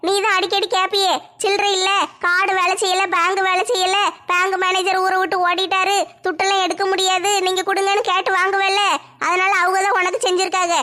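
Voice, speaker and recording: A woman voicing a meek, put-upon young daughter-in-law in a comedy skit, slower and plaintive. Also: extremely high pitch, little pitch movement, pushed and bright. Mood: defensive.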